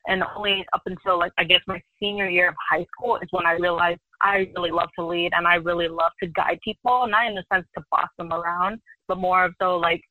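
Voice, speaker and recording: A young woman with a bright, forceful voice chats freely as a guest on an interview show. She rambles a little and leans on "like" fillers. The sound is dry and close, with no room around it. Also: lowish voice, fairly even intonation, a little fast, hardly any pauses, no room sound, low-quality recording. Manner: talkative, loose, many "like" fillers. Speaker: podcast guest. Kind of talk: casual interview chat.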